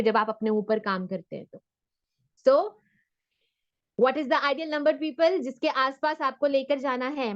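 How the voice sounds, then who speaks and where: Encouraging female speaking coach, higher voice. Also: muffled recording. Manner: mixes Hindi and English, encouraging. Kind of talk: online class session.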